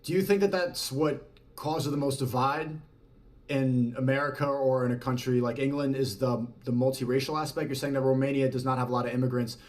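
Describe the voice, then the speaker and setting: A man's voice: medium pitch, darkish tone. Male podcast host asking probing questions. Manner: asks probing follow-up questions. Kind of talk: casual interview.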